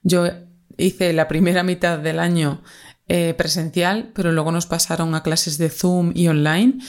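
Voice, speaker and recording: A woman's voice: lowish voice, steady tone, measured pace. A young woman from Spain with a Spanish accent, talking casually and at length in a solo podcast, with lots of fillers and self-corrections. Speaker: podcast host.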